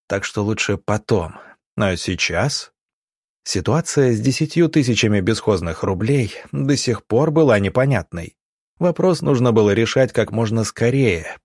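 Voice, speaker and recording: A man giving steady, descriptive scripted narration of an audiobook. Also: mid-range voice, dry recording, clean studio sound.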